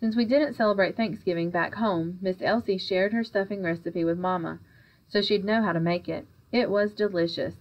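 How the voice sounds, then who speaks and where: A woman narrating an audiobook in expressive, scripted storytelling. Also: medium pitch, normal speed. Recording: slightly dull audiobook recording.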